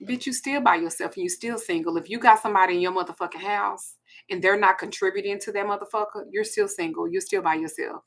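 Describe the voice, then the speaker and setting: Blunt, bright-voiced woman in her forties. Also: mid-range voice, fast talker, a little hiss or hum. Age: 40s. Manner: blunt, profane and emphatic. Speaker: host. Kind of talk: ranting monologue.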